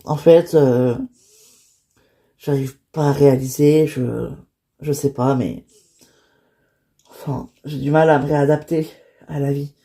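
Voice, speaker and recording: Young woman fresh out of prison, voiced by a woman, low, mellow, halting delivery. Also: steady tone. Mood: downcast. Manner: hesitant, halting speech. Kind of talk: homemade toy-figure drama.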